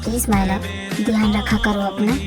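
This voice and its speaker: A woman's voice: medium pitch, level tone, moderate pace, loud music behind the voice, lightly acted, poor audio. A woman voicing an obsessive, possessive young mafia husband in a fan-fiction audio drama, pleading one moment and lashing out the next. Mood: coaxing. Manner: pleading and possessive, swings to angry outbursts.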